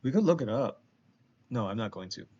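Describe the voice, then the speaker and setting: This streamer's nose is blocked by allergies as he plays a game, chatting casually with viewers and talking through his decisions. His mid-range voice is very animated, fairly quick, mellow and husky, though the recording is muffled.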